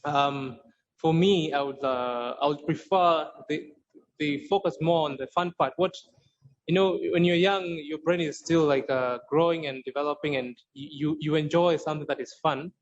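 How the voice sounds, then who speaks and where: A podcast interview features a man who created and teaches a Swahili course, explaining his methods in a voice on the high side at normal speed. Earnest throughout, he often restarts his sentences while looking for words. The recording sounds dull and lo-fi with faint noise.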